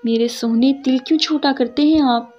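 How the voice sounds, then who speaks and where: Gentle young wife, voiced by a woman, affectionate, soothing, storybook, higher voice, faint background music. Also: fairly even intonation. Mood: loving reassuring. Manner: soft, affectionate, reassuring. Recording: muffled audio with soft background music.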